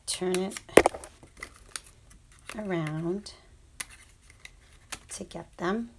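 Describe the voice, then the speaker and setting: A woman with a scratchy, fairly low voice speaks very slowly as she demonstrates paper crafts in a casual, hands-on tutorial. She's chatty and apologetic, often murmuring half to herself while she works.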